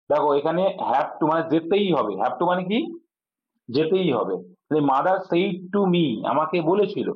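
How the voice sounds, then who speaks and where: A man teaching an exam-prep English grammar lesson. He explains step by step and asks his students questions, then answers them himself. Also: on the high side. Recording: tinny phone-like audio.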